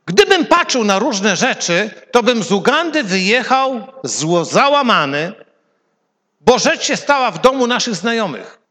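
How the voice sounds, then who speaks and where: A middle-aged man preaching a sermon, swinging from loud emphatic lines to hushed ones. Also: high-pitched, sing-song, a little slow. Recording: long hall reverb.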